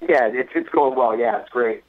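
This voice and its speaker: A man's voice: mid-range voice, wildly swooping pitch, normal speed, vocal fry, no room sound. A middle-aged man, a band member guest, rambling through a phone interview with lots of fillers. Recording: tinny phone line.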